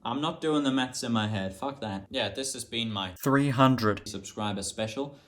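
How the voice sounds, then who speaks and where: A man's voice: mid-range voice, normal speed, fairly bright tone. Chatty, self-mocking young man. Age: young adult, just out of high school. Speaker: vlogger. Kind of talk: casual chat to camera.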